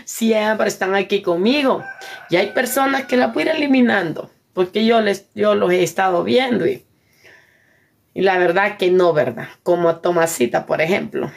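A woman's voice: medium pitch, moderate pace, gravelly. Chatty Salvadoran woman on a live stream. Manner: chatty, laughs often, thanks viewers warmly. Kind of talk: casual live stream chat reading comments.

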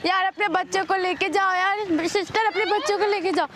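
A woman's voice: very high-pitched, fairly even intonation, fairly quick, over a noisy crowd. A young woman hosting a prank vlog out in public, chatting to the camera and bossing passers-by in a bubbly, teasing way. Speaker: vlogger and prankster. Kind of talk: casual prank vlog talk. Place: outdoors in a public street with traffic. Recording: traffic noise behind.

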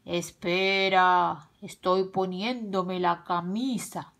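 A woman voicing a greedy, threatening male wolf in a children's story, drawing out his words slowly and loudly. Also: on the low side, fairly even intonation, gravelly, heavily acted. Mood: calling from inside. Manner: slow, drawn-out and loud.

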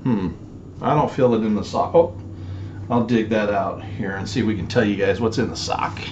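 In a small indoor home office, a storage unit reseller in his forties shows off items for a casual vlog, rambling and using lots of fillers as he handles things on camera. His voice is lowish and moderately paced, and the recording is muffled, with background noise.

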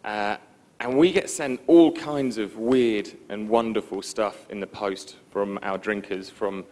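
A man giving a conference presentation in a relaxed, informal, self-deprecating way, with frequent ums. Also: on the low side, unhurried. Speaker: conference speaker. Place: conference stage before an audience.

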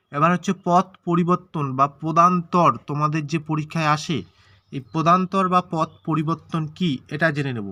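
A man with a Bengali accent teaching a grammar lesson for an exam. His voice sits a little high and rings bright and forceful, and the recording is close and dry. He asks questions, answers them himself and draws out syllables one by one. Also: dry recording. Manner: repeats and stretches syllables to show pronunciation.

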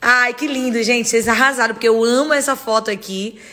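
A woman's voice: a little high, brisk, bright, forceful tone. Woman, mother, casual home vlog, effusive, reads messages aloud.

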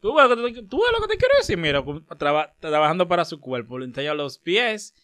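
A man's voice: on the high side, very animated, fast talker, fairly bright tone. A man interviewing a guest, teasing and playful, pushing with questions. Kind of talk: casual interview chat.

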